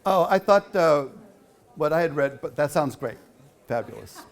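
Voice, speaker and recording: The featured speaker at a quilt show, a man with a slightly high, creaky voice and lively intonation, wanders between stories in a loose, chatty talk in a hall. He fields audience questions and fills his pauses with plenty of uh's.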